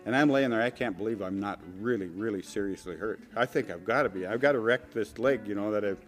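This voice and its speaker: A man's voice: lowish voice, fast, soft background music. A middle-aged man telling a casual, humorous rancher's anecdote in a folksy, self-deprecating way. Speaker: rancher telling a personal story.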